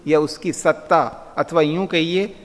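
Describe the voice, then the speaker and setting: Guy lecturing students slow and patient, high voice, echo hall. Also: steady tone. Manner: patient, repeats words slowly for students. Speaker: Vedic philosophy teacher. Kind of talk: classroom lecture. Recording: long hall reverb.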